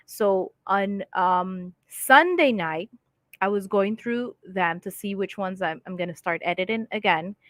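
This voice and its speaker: Casual live-stream chat from a woman whose first language is English; she laughs often and reads her viewers' comments aloud. Her medium-pitched voice is unhurried and fairly bright, with no echo.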